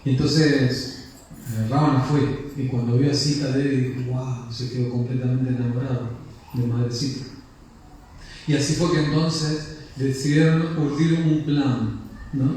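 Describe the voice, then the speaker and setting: A man's voice: medium pitch, a little hiss or hum. A man tells a devotional story in a chatty way and often tags his lines with "¿no?". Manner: lively, chatty, frequent "¿no?" tags. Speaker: storyteller at a temple gathering. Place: temple hall. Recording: very echoey hall, mic at a distance.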